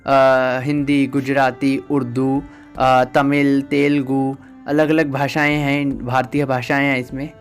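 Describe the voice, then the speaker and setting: A man giving a patient, step-by-step tutorial on phone settings, pausing with "ah" as he explains each option. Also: mid-range voice, flat delivery, faint music behind. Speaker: tech tutor.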